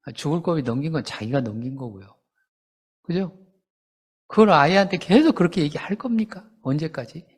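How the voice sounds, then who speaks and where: Preaching a sermon with a breathy edge to his slightly high voice, this pastor keeps a moderate pace. He speaks conversationally and animatedly, using rhetorical questions and quick impressions of parents and children, all under long hall reverb.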